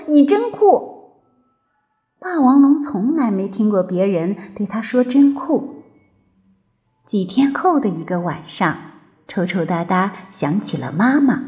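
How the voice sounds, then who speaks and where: A woman reads a children's story aloud in a slow, unhurried way. Her fairly high voice swings widely, sing-song and expressive. The recording sounds dull and lo-fi.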